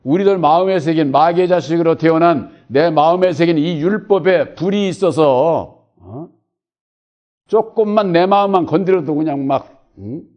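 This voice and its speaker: A male pastor preaching in a church, with a slightly raised voice. He hammers each point, then repeats it softly, and keeps asking rhetorical questions. The recording sounds dull and lo-fi. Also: on the high side, moderate pace. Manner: emphatic repetition with rhetorical questions; swings between loud stress and quiet trailing repeats. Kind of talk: sermon.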